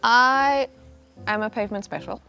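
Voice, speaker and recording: A woman's voice: fairly high pitch, normal speed, vocal fry, bright, forceful tone, faint music behind. A woman raised in France who co-hosts a cat vlog, chatting casually and laughing often. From born in Germany, raised in France. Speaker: cat channel co-host. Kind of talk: casual chat.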